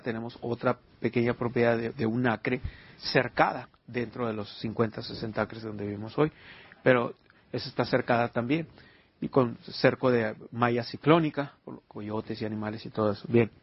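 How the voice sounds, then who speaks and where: A man's voice: mid-range voice, dry recording, muffled recording. A man preaching an informal sermon, telling personal stories and asking his listeners rhetorical questions. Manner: conversational storytelling with rhetorical questions.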